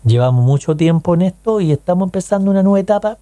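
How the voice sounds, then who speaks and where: Fast and expressive, a high-pitched, warm-toned radio host with a Chilean accent chats casually with his audience, tossing out rhetorical questions and checking in often. There is no room sound on the recording.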